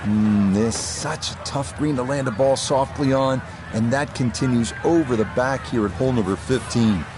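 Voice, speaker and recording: A man giving measured golf commentary as lead announcer, appreciative of the shots he calls. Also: mid-range voice. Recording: outdoor crowd and ambient noise behind. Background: crowd and outdoor ambience.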